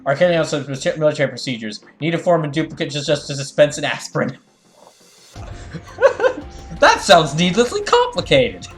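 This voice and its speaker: A man with a higher, fairly bright voice is very animated, speaking at a moderate pace with long pauses over faint music. He hosts a live fandub, casually chatting with viewers and reading game dialogue, and often restarts sentences as he rambles through explanations.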